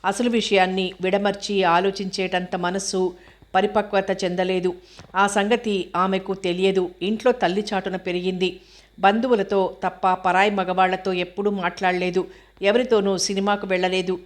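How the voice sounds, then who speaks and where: A woman reading a novel aloud as an audiobook narrator. Her delivery is steady and flat, with little rise or fall, at a middling pitch. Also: normal speed.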